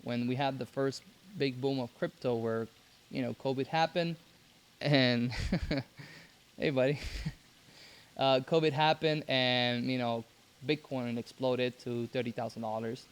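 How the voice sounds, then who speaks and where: A young man from Cuba, raised in Mexico, speaking as a podcast guest in a halting way with many restarts. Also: mid-range voice, fairly even intonation, clear, resonant tone. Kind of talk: casual interview.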